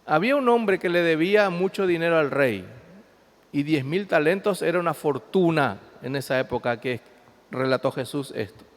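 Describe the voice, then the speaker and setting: Male pastor, slightly high voice, sermon in a church with long echo, reads scripture and explains it. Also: lively intonation, normal speed. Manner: swings between loud emphasis and quiet asides. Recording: long hall reverb.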